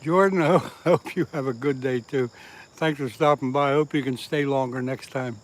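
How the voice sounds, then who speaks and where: Reading viewer comments and chuckling at his own jokes, a southeast Pennsylvania man keeps up casual chat on a fishing stream set outdoors by the water. He speaks at a normal speed with a medium-pitched voice.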